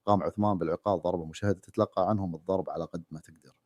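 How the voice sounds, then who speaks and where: A man tells a sad story with a steady, even delivery. His voice is deep and very fast. It is recorded close and dry, with no echo. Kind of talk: storytelling narration.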